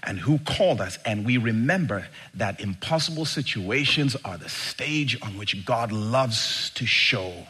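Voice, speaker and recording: A man's voice: medium pitch, lively intonation, unhurried, hardly any pauses, pushed and bright, husky. A man preaching an impassioned sermon in the style of a rally speech, with emphatic rhetorical questions and dramatic swings between restraint and full force.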